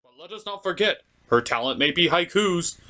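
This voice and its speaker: Lively intonation and a medium pitch mark this performer's turn as a theatrical gentleman puppet host. The scripted cartoon review is punctuated by dramatic pauses and mock outrage.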